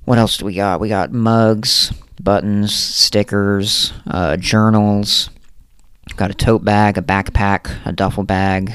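A man's voice: on the low side, flat delivery, slow, a bit bright, smooth, no echo. Man, podcast co-host, casual chat, fillers, swearing. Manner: loose, filler-heavy and profane.

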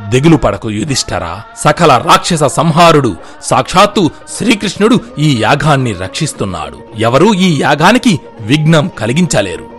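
A man voicing a venerable old grandsire who speaks with grave, measured calm. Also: mid-range voice, soft background music. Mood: reassuring.

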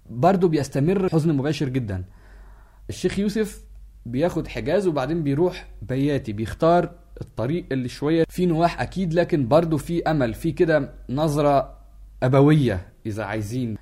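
A man's voice: medium pitch, warm tone. A man with an Egyptian accent giving an explanatory lecture, walking listeners through musical details. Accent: Egyptian Arabic.

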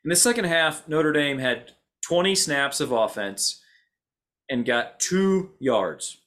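A man's voice: on the high side, animated, slow, fairly bright tone. A young man co-hosting a college football podcast, recapping games with dry sarcasm. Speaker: podcast co-host. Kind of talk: casual sports talk.

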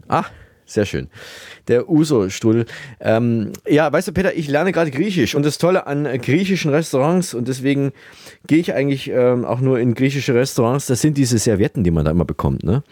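A man's voice: medium pitch, animated, a little fast, darkish tone, dry recording. Rambling male podcast host, dry sound. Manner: rambling, hesitant, full of fillers. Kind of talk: deadpan comedy podcast chat.

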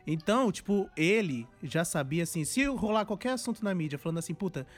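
Against faint music, a young podcast co-host with a high-pitched, lively voice talks briskly. The chat is casual and joking, and he rambles and repeats himself using slangy street talk.

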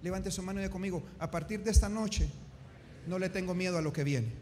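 Fervent high-voiced male preacher. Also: quick pace, slight background noise. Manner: fervent, call-and-response preaching with shouted peaks; jokey asides to the congregation. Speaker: pastor. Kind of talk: sermon. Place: church service before a congregation. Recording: music playing behind the preaching.

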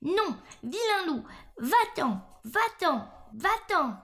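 A woman voicing little piglet brothers in a bedtime story, with high, squealing cries. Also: big pitch swings, measured pace, gravelly, a little mellow, heavily acted. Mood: scared.

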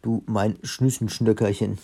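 A robber's bossy but warm-hearted wife scolds and organizes in a storybook. A man voices her in his own low, husky reading voice. It comes across brisk and a little gravelly. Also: fairly even intonation.

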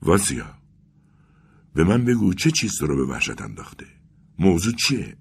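A man's voice: sits low, very animated, vocal fry, husky, heavily acted. A man voicing Arkady, worried loyal friend. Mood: urgent. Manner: urgent, coaxing, alarmed. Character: devoted worried young male friend.

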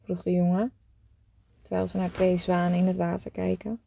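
Gentle woman reading a storybook. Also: on the low side, completely flat delivery, moderate pace, gravelly, highs cut off. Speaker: storybook reader. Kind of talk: calm scripted narration.

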